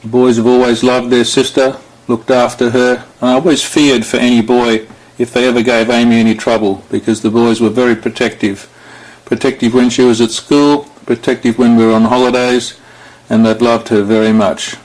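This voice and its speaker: A man's voice: medium pitch, little pitch movement, moderate pace, a little mellow, low-quality recording. A middle-aged man giving a father of the bride speech, recorded on video for the wedding. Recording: faint background noise on home video.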